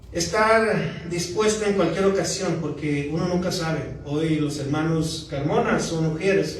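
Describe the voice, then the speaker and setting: High-voiced man preaching in an echoey church. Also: a little hiss or hum. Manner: conversational preaching, often asking the congregation "¿verdad?". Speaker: pastor. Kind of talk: sermon. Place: church sanctuary. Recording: echoey church hall from far off.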